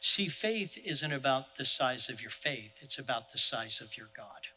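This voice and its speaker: A male pastor, preaching in an animated, self-deprecating storytelling style. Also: mid-range voice, unhurried, slightly rough, in a large hall, poor audio. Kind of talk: sermon storytelling.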